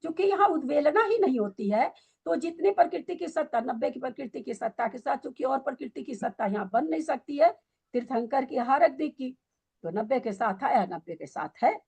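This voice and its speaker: Stern gravelly-voiced woman teaching scripture. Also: sits high, expressive, brisk, a little mellow. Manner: stern, quizzing students, rhetorical questions. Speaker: teacher of scripture study class. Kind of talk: scolding, questioning lesson.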